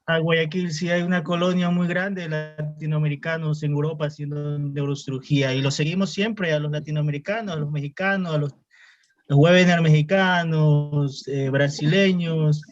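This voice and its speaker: A man's voice: on the high side, steady tone, normal speed. Chatty man from Ecuador on a call. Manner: friendly, talkative, polite. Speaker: neurosurgery resident. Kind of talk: casual video call chat. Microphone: video call. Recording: dull lo-fi call audio.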